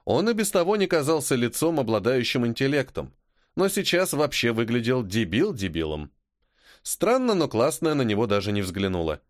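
A man reading a first-person audiobook with wry, sardonic humor. His delivery is highly animated, rising and falling a lot, at a middle pitch. The recording is close and completely dry. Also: normal speed, dry recording. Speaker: audiobook narrator.

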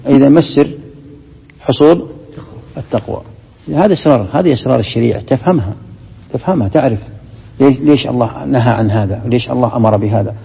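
A man with teaches a Quran commentary class at a quick clip, raising questions and answering them himself. His voice is deeply gravelly and husky. The recording is dull and lo-fi, with long reverb from a large hall. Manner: explains step by step, asks and answers his own questions.

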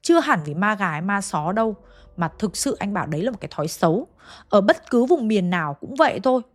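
Fast-talking and sing-song, a young woman from Hanoi spins a ghost story in a casual, chatty manner, speaking straight to those listening. Her voice is mid-range.

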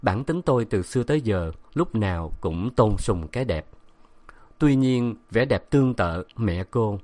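Low-voiced man narrating a novel. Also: expressive, unhurried, darkish tone. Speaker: audiobook narrator.

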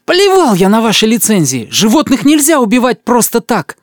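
Shrill angry kid, shouting with his voice breaking, very up and down, dry close mic. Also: animated, fairly quick, no echo. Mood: outraged shouting. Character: shrill outraged young boy. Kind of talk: audiobook character voice.

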